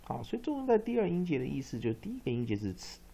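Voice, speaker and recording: A man teaching English pronunciation, spelling out letters and repeating words to drill them, often ending phrases with a soft "ha". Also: fairly high pitch, wildly swooping pitch, fast, vocal fry, breathy edge. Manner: tags phrases with a soft "ha" particle. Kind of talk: pronunciation lesson.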